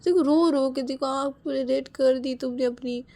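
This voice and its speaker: A woman's voice: high voice, fairly even intonation, normal speed, warm tone, voice pushed up. Affectionate comforting young man, voiced by a woman. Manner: comforting, teasing.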